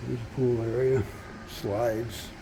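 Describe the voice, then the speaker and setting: A man's voice: medium pitch, little pitch movement, takes it slowly. Casual man vlogging, noisy background. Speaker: travel vlogger. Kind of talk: casual vlog chat. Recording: noisy handheld travel video.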